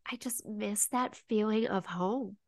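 A woman's voice: mid-range voice, measured pace, dry recording, clean studio sound. A young woman co-hosting a casual podcast chat, chatty and tearful, with a sniffly voice and lots of fillers. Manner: chatty, emotional, says "like" often. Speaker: podcast co-host.

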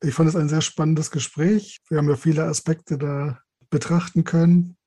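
A man hosts a podcast, posing questions to guests and delivering scripted announcements. His voice is a little high and slightly rough, with a steady, dark tone at a moderate pace.

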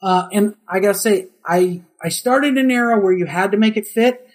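A middle-aged guest voice actor with a high tenor voice tells chatty anecdotes in a casual interview. He speaks at a moderate pace, laughs often, and acts out the quotes.

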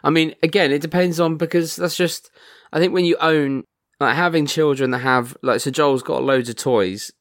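A man co-hosting a podcast in casual chat, wry and quick to exclaim, often stammering as he restarts. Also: a little high, fairly even intonation, no echo, clean studio sound. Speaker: podcast co-host.

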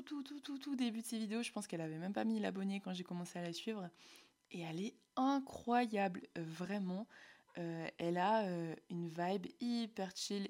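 Chatty young woman, lowish voice. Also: a little mellow. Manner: chatty, slangy, many fillers, drops to a near-whisper at times. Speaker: podcast host. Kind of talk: casual chat.

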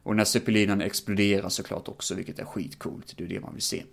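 A man's voice: lowish voice, little pitch movement, gravelly. A man hosting a podcast, talking through a film in a casual, rambling way with many fillers and some swearing. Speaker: podcast host. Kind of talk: casual film review monologue.

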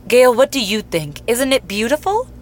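An actress playing an excitable, romantic wife, gushing and enthusiastic. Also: female voice, fairly high pitch, moderate pace.

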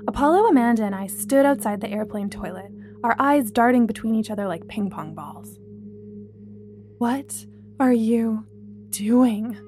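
A young woman reading a first-person story aloud in a measured, expressive way. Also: medium pitch, faint music behind. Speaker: audiobook narrator.

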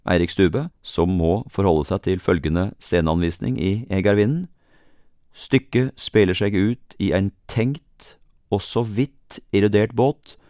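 A man hosting a podcast, telling a scripted story in a lively, wry way. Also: deep voice, no room sound, studio quality. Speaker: podcast host. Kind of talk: scripted narration.

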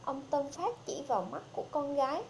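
A woman's voice: high-pitched, animated, a little fast, darkish tone, a little hiss or hum. A woman reading out a horror story as a storyteller, playing all the characters herself with little change of voice.

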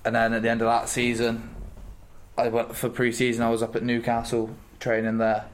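A young man in his twenties, a rugby player answering interview questions in a halting way with many pauses and fillers. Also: mid-range voice, completely flat delivery, a little hiss or hum. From England. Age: 20s.

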